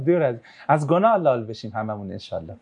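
A religious class teacher with a medium-pitched voice and a breathy edge leads a relaxed lesson, reading questions from students and answering with jokes. The teacher moves into storytelling to retell a religious tradition, and the recording is muffled.

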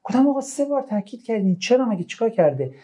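Man, religious speaker, informal talk, lively swooping pitch, mellow tone, chatty, joking asides. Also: slightly rough.

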